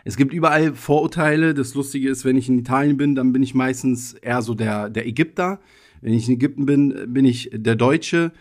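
A man in his thirties, raised in Germany, talks to his listeners on his own podcast. His pitch sits in an ordinary middle range. He muses aloud in a casual, personal way and keeps softening his points with fillers. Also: a little fast. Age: 30s. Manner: thoughtful, personal, loose with frequent hedging fillers. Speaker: podcast host. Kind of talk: casual reflective monologue.

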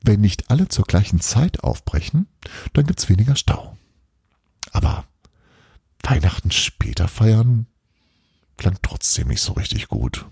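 A man reading a Christmas story aloud with a lively, expressive delivery. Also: fairly low pitch, a little slow, creaky, long pauses, husky, no room sound, clean studio sound.

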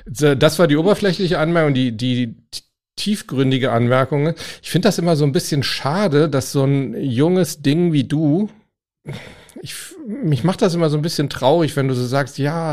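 A man's voice: a little high, normal speed, a little mellow. A man co-hosting a podcast in casual chat, teasing and joking with his co-host.

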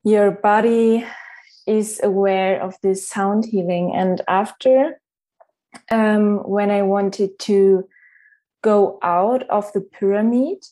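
Slow, halting woman searching for words. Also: medium pitch, fairly even intonation, dark tone. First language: not English. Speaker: interviewer. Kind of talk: interview.

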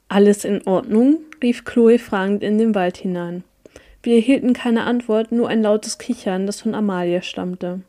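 Woman reading a story out loud, warm mellow voice, steady pace. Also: mid-range voice. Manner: even, storytelling read. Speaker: audiobook reader. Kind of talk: first-person story narration.

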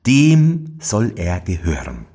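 A man's voice: fairly low pitch, huge pitch swings, slow pace, warm tone, husky, heavily acted. A man doing an eager young wanderer, bold and earnest. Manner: earnest, brave.

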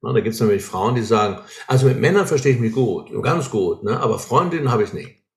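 A man's voice: medium pitch, lively intonation, a little fast. A man explaining ideas in an earnest way, often checking in with short tags like "right?", in a conversation. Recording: roomy echo.

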